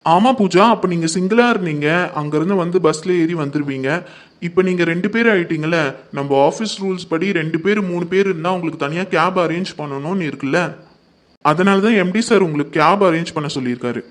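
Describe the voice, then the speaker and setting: Guy doing a chill office manager, polite, kinda high voice. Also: fairly quick, natural voice. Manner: polite, explaining. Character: calm male office manager.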